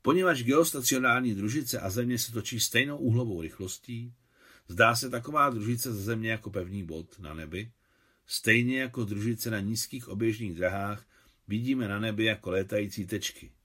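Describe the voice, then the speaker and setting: A man narrating a short story in a measured, even reading voice. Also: on the low side, husky. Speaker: audiobook narrator.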